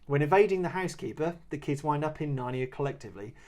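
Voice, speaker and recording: A man's voice: fairly high pitch, lively intonation, quick pace, a little mellow. A man hosting a casual film podcast, reading out plot summaries and teasing his co-host. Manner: playful, teasing, laughs easily.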